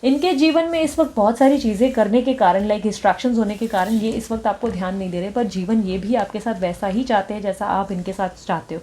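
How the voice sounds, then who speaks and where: A woman's voice: medium pitch, quick pace, hardly any pauses, warm tone, a little hiss or hum. A woman giving a tarot reading, talking straight to the viewer, mixing in English words and often checking in with the listener. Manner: mixes English words and phrases into her talk. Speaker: tarot reader.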